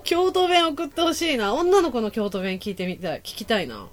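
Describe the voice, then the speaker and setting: A woman co-hosting a chatty podcast, talking fast with a lively, swooping melody in a fairly high voice. She giggles often and keeps the banter bubbling. Soft music sits faintly behind her. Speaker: podcast co-host. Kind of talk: casual chat.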